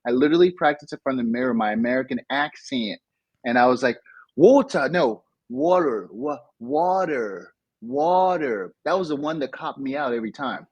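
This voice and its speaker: A Nigerian digital entrepreneur, appearing as an interview guest, tells his life story in a reflective, casual way. His medium-pitched voice moves fast, restarts frequently and turns animated when recounting events, heard through a dry recording with dull audio.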